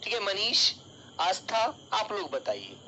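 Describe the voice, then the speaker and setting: A man's voice: high-pitched, big pitch swings, a little slow, pushed and bright, a little hiss or hum, rough recording. A male teacher giving an online exam-prep lesson, calling his students child and dear and explaining with everyday examples.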